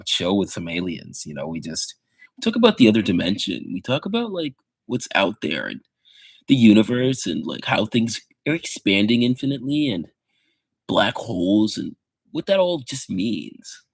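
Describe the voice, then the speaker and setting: A young livestreamer with a Midwestern American accent chats with his viewers in a rambling, laid-back way, leaning heavily on fillers. His voice is medium-pitched, and the recording has no room sound.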